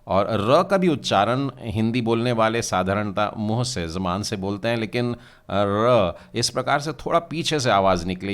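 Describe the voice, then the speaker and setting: Clear and resonant, this man's voice sits a little low and carries some brightness. He is a Hebrew teacher giving a language lesson, patiently sounding out each letter and calling on learners to read along.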